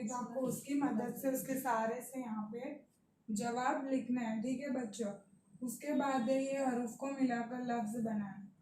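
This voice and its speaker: A woman's voice: fairly high pitch, dark tone, a little hiss or hum. A woman teacher with a Pakistani Urdu accent, patiently explaining a lesson to young children. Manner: slow, patient, addresses children directly. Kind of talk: primary school lesson. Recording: echoey room, mic at a distance.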